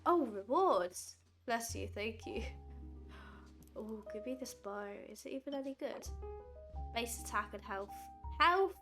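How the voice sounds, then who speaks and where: A woman's voice: a little high, animated, measured pace. A woman streamer with a blocked nose casually commenting on a game, reading menus aloud and cheering at small wins. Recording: stream with game music behind.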